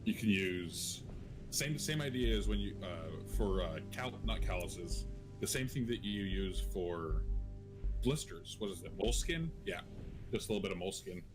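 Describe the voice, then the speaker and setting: Deep-voiced easygoing man, music behind. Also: animated, moderate pace. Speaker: co-host. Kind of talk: casual chat on a livestream.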